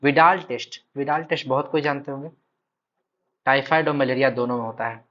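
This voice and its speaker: Man, Bihar accent, exam-prep lecture, repeats key terms, mid pitch, dull lo-fi sound. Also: a little fast, fairly bright tone. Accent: Hindi speaker from Bihar. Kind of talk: recorded lecture.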